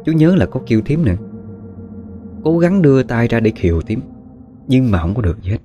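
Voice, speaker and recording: A man narrating a horror story in a relaxed, conversational way with spoken fillers. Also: mid-range voice, fairly quick. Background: faint guitar music.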